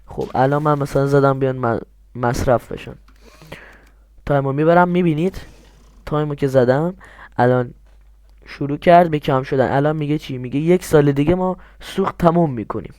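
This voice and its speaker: Pitched a little high, his voice is clean and slightly mellow, recorded cleanly in a studio without any room sound. The young man is hosting a screen-recorded tutorial for a strategy game, breaking it into steps and answering questions he raises himself.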